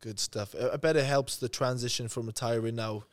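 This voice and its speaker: A man's voice: mid-range voice, fairly even intonation, a little fast, dry recording. A man hosting a casual interview, informal, matey and sympathetic in how he talks. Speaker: podcast host, interviewer.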